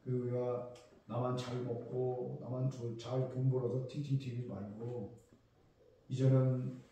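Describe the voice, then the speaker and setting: Pastor preaching in an echoey church. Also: male voice, medium pitch, little pitch movement, a little slow, slight background noise. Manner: conversational preaching with questions to the congregation; swings between loud emphasis and soft quiet asides. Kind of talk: sermon. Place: church sanctuary. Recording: echoey church room, mic at a distance.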